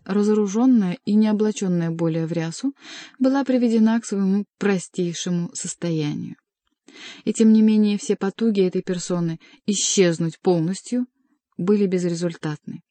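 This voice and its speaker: A woman reading a novel aloud as narrator, in an even, measured storytelling manner. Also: mid-range voice, no room sound. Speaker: audiobook reader. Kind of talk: scripted narration.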